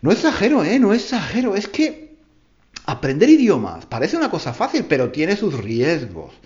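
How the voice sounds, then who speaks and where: This time the podcast host's voice sits high, with huge pitch swings, a darkish tone and normal speed, while the highs are cut off. A native Spanish speaker, he tells learners a tall tale in a playful way, repeating phrases for emphasis.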